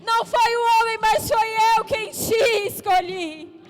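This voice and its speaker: A woman pastor preaching a sermon with an altar call, impassioned, rising to shouts and tearful pleas. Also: extremely high pitch, takes it slowly, faint music behind. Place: church service.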